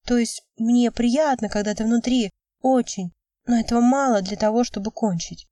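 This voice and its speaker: A woman's voice: a little high, normal speed, dark tone, no echo, far from the mic, pitched above the performer's own voice, lightly acted. A woman voicing a young woman who is upset and pleading with her lover, speaking emotionally. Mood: anxious earnest. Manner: emotional, cries out then pleads.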